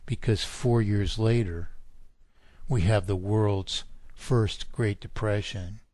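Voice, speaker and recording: A man lecturing at length on a radio show, emphatic and insistent, with his voice climbing high when he fires off indignant questions. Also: steady tone, slow pace, darkish tone, no echo. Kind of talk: talk radio monologue.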